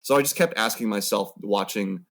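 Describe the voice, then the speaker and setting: A man's voice: on the low side, normal speed, creaky, fairly bright tone. A man co-hosting a podcast, asking his guests a reflective question. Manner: inquisitive, reflective. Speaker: podcast co-host.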